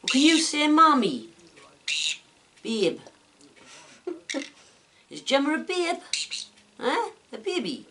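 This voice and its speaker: Woman, pet bird baby talk, lilting up and down, slow and drawn out, at home indoors. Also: high voice, wildly swooping pitch, pushed and bright. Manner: coaxing sing-song baby talk. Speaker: pet owner. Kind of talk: casual chat to a pet bird.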